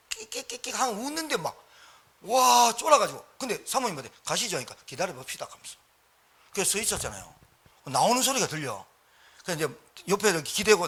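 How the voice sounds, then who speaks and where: Middle-aged male pastor, lively sermon storyteller; very animated pitch, husky edge. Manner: animated storytelling, acting out scenes, swings between loud and hushed.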